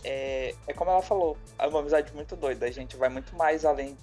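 A woman's voice: sits low, quick pace, dark tone, soft background music. A woman chatting casually as a guest on a fan show. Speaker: guest, fan page administrator. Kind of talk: casual chat.

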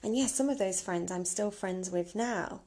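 A warm, medium-pitched female voice at a moderate pace belongs to a podcast host of about thirty. On her own, she gives casual advice in an open, conversational manner, often posing questions she doesn't expect answered.

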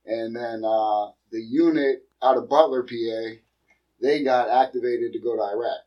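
A man's voice: medium pitch, fairly even intonation, moderate pace, far from the mic, dull audio. Profane storytelling man, a bit off-mic. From Erie, Pennsylvania. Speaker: podcast guest, comedian. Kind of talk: casual chat.

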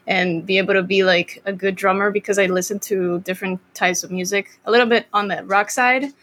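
A woman's voice: mid-range voice, brisk. Young costa rican woman chatting as a guest, lots of ums and restarts, laid back. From Costa Rica. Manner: relaxed, rambling with many fillers and restarts. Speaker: guest drummer. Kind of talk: casual interview chat.

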